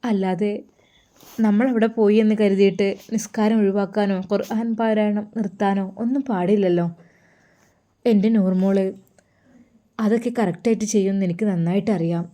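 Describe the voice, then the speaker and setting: A pious, loving older mother, played by a woman, gives tender, sorrowful advice. The tone is warm and mellow, like an audio storybook. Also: medium pitch, fairly even intonation, normal speed, long pauses, close to an everyday voice.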